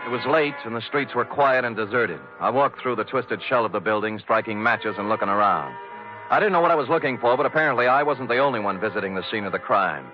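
A man's voice: medium pitch, lively intonation, quick pace, lightly acted. A man playing a wry hard-boiled detective. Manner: dry, wisecracking. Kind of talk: 1950s radio drama narration. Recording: dull old radio broadcast with music.

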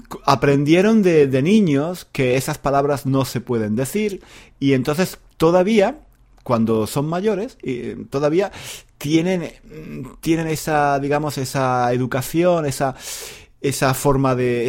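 Unhurried Spanish man, repeats himself. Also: mid-range voice, darkish tone. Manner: unhurried, many fillers and repetitions, chuckles often. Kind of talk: casual explanatory lesson.

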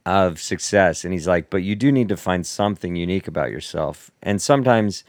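With a low voice and lively intonation, this Seattle-area American man co-hosts a relaxed podcast conversation at a brisk clip. He rambles, starts his sentences over and laughs frequently, all captured in a dry, clean studio recording.

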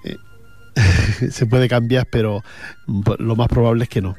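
This time the man's pitch is medium and his tone darkish and steady, delivered at a measured pace over soft background music. Casually chatting as a radio host between songs, he rambles in Andalusian Spanish with frequent fillers and repeated words.

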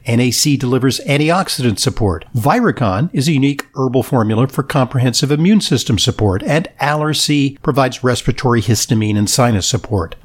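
A man's voice: medium pitch, husky. A man, the show's host, reading a scripted advertisement. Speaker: host reading a sponsor message. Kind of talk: scripted ad read.

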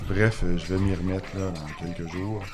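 Hoarse man with a cold. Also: low-pitched, steady tone, normal speed, music in the background. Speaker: guest.

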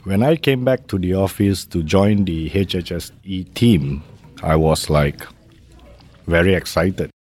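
A middle-aged man from Malaysia, speaking in a measured, conversational way as an interview guest and often tagging his sentences with "right?". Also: low voice, darkish tone. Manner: measured, uses fillers like "how you say" and "right?". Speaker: guest, maritime safety executive.

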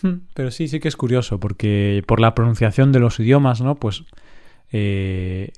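A man from co-hosting a casual podcast for language learners, talking slowly and clearly and laughing often. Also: medium pitch, a little mellow. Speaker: podcast co-host.

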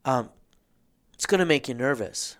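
A man's voice: mid-range voice, lively intonation, normal speed, a bit bright. Man explaining history with jokey asides. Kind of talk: casual history chat.

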